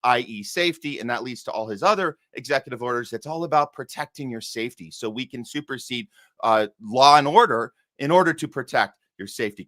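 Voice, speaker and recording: A man's voice: mid-range voice, bright, forceful tone, dry recording. A man talking politics on a show, emphatic, firing off rhetorical questions between fillers. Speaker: podcast host, guest. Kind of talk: casual political talk.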